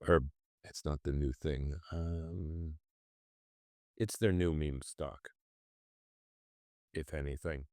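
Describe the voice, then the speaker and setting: Speaking slowly with long pauses, this stock trading channel host has a rumbling low, steady, dark voice, a bit stuffy from a cold. He rambles and self-corrects while thinking aloud over his trades in casual screen-share commentary, captured in a dry, clean studio recording.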